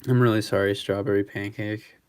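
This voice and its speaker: A young man live streaming, talking in a rambling, halting way with many restarts. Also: on the low side, flat delivery, darkish tone, slight background noise. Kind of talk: emotional live-stream tribute chat.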